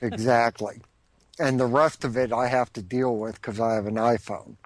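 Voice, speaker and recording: A man's voice: mid-range voice, fairly even intonation, normal speed. A man joining a casual chat from afar as a guest, dry and matter-of-fact as he recounts things. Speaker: remote guest.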